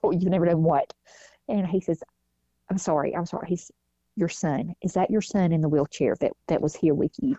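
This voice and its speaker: Low, mellow woman telling a story. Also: fairly quick, no echo. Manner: storytelling, acts out quoted voices. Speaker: guest, mother. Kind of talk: casual interview talk. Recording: dull lo-fi sound.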